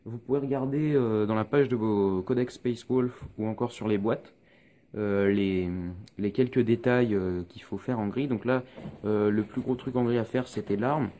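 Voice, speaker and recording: A man's voice: lowish voice, fairly even intonation, normal speed, warm tone. A man giving a casual painting tutorial, recorded on a phone, explaining each step with many hesitations.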